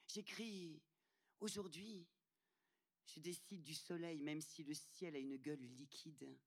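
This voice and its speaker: A woman's voice: low voice, steady tone, slow pace. A woman performing spoken-word poetry in a rhythmic, declamatory delivery.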